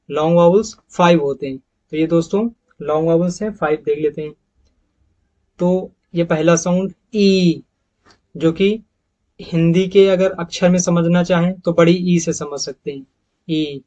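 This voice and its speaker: A man teaching English pronunciation over slides, repeating each example word slowly and calling his viewers friends. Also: high voice, dark tone, muffled recording. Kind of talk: slide-based pronunciation lesson.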